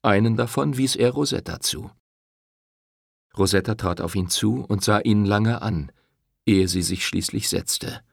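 A man narrating an audiobook with expressive storytelling. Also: on the low side, unhurried, creaky, dry recording, clean studio sound.

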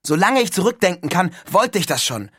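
An excitable teenage boy bursting with plans, as a male audiobook reader puts him on, loud, emphatic and pitched high above the narration. The voice is husky and close, with a dry studio sound. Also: a little fast, no echo, exaggerated voice. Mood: excited. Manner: loud and emphatic, swept up in enthusiasm. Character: eager excited teenage boy, impulsive dreamer. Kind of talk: audiobook reading.

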